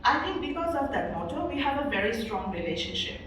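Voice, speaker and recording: A woman's voice: fairly high pitch, very animated, brisk, fairly bright tone, a little hiss or hum. A woman from Bangladesh gives a motivational speech as a guest speaker, telling stories earnestly with frequent fillers. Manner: earnest storytelling with frequent "you know" fillers. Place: event hall. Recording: echoey hall, voice from a distance.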